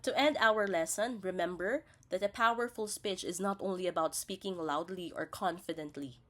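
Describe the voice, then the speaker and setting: A woman with a fairly low voice reads a scripted lesson at normal speed. Taking the role of a teacher, she breaks everything down point by point in a didactic, instructional way.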